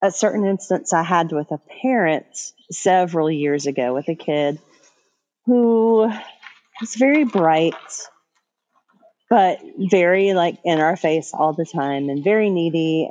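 A woman's voice: lowish voice, a little slow, a little mellow, dull audio. A woman middle school teacher co-hosting a podcast, telling chatty anecdotes with laughs. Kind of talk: casual chat.

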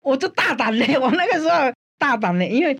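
An older woman from Taiwan, a guest in an interview telling her faith story in an animated way, often using the filler sounds "hā" and "āi". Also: fairly quick. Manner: animated storyteller, frequent "hā" and "āi" fillers, rising pitch in tense moments. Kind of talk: personal faith testimony in an interview.

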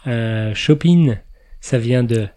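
A man's voice: medium pitch, slow pace, mellow. A man hosting a podcast in a casual, explanatory chat, laughing now and then at his own remarks. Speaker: podcast host.

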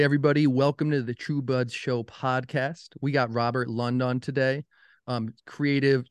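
Male host, mid-pitched, clean tone, casual friendly interviewer. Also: darkish tone, clear, resonant tone, no room sound. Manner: friendly, easygoing, hesitant with fillers. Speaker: podcast host.

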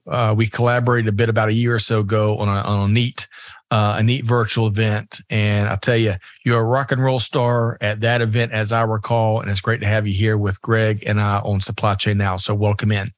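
A man's voice: fairly low pitch, fairly even intonation, fairly quick, dry recording, studio quality. A man hosting a talk show, chatty and upbeat as he introduces guests and banters. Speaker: podcast host. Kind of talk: casual interview chat.

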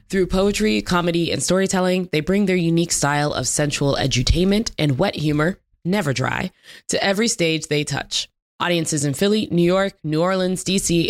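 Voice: mid-range voice, no room sound, clean studio sound. A podcast co-host chatting casually and reading a guest introduction with upbeat flair.

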